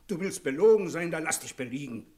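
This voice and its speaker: An actor playing a blunt, stubborn horse dealer who scolds insistently, in a 1960s radio play. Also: male voice, a little high, lively intonation, fairly quick, warm tone, close to an everyday voice. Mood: reproachful. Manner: reproachful, insistent.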